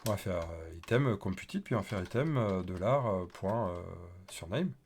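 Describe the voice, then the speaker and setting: A man's voice: deep voice, lively intonation, normal speed, darkish tone, slight background noise. A man teaching a casual live coding tutorial, chatty and thinking aloud with many fillers as he types. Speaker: developer teaching a coding livestream.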